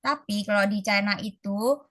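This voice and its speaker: A woman tutoring an online class, chatting casually and stretching out model phrases slowly. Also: mid-range voice, a bit bright, no room sound, clean studio sound. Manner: slow, drawn-out model pronunciations; casual, chatty teaching, calls students guys. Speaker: Mandarin tutor. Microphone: video call.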